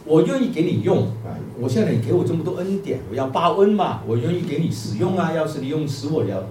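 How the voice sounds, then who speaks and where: A man's voice: on the high side, expressive, fast talker, darkish tone, a little hiss or hum, lightly acted. A man voicing a proud bamboo stalk that pleads and stammers as it is pruned, in a sermon parable. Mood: devoted. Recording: echoey room, distant mic, faint music.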